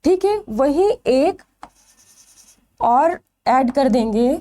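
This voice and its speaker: Woman, biology teacher, lively high voice with a mellow tone, quizzes the class and answers herself. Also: very slow. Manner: asks questions then answers them herself, stretching key terms. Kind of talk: exam-prep lecture.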